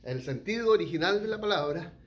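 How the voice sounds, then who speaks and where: Man preaching, higher-pitched voice. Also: lively intonation, a little fast, highs cut off. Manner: asks the congregation questions, frequent "¿ya?". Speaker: pastor. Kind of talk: teaching sermon.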